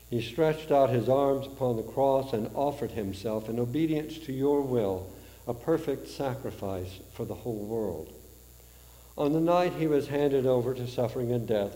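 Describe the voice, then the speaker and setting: A man as priest, reciting the Eucharistic prayer in a slow, measured way, his voice carrying a cathedral echo in a large church. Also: mid-range voice, warm tone. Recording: long reverb from a large church.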